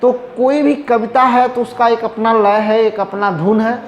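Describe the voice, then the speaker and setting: A male teacher giving a classroom lecture, asking questions and answering them himself, and repeating definitions slowly as he writes. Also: very high-pitched, steady tone, lo-fi sound. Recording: echoey room with faint noise.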